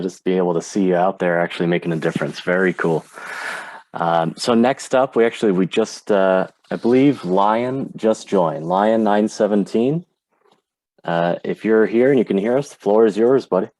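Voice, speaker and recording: A man hosting an online call, relaxed and friendly as he passes the floor to each speaker. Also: low voice, normal speed, no echo. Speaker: host. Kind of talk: moderating a voice chat.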